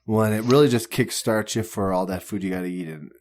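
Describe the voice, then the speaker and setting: A man's voice: fairly low pitch, fast talker, a little mellow. A man co-hosting a podcast, answering trivia in an easygoing, joking way. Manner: easygoing, joking, laid-back. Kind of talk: casual chat.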